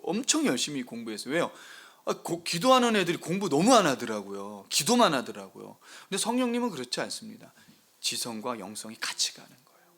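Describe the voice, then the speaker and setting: A man preaching a sermon as pastor of a new church, asking the congregation rhetorical questions and swinging between loud emphasis and hushed whispers. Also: mid-range voice, very animated, fairly quick.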